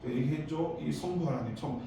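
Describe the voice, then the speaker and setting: The voice is a little high, fast and warm: a man with a Daegu Korean accent giving a youth sermon as pastor. Stories come with abrupt emphatic bursts and wandering asides, recorded off-mic in an echoey church hall with slight noise.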